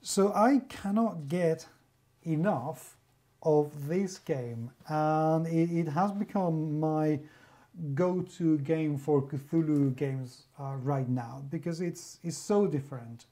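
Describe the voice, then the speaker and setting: This guest reviewer, a magazine editor from Spain, has a warm, fairly high voice and takes his time. In a Spanish accent, he delivers an enthusiastic, superlative-heavy monologue about a role-playing game he loves.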